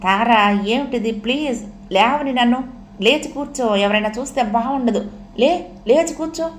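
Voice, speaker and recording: A man's voice: high voice, a little slow, a little hiss or hum. A woman reading a novel aloud and voicing a bewildered young man who anxiously coaxes his weeping lover. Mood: anxious coaxing. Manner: anxious, coaxing questions. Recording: roomy echo.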